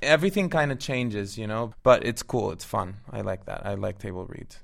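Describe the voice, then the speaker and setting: A Venezuelan man, a native Spanish speaker with a Venezuelan accent, chats eagerly as an actor guest in a casual interview, often restarting his words. His voice is fairly low and gravelly, with a moderate pace.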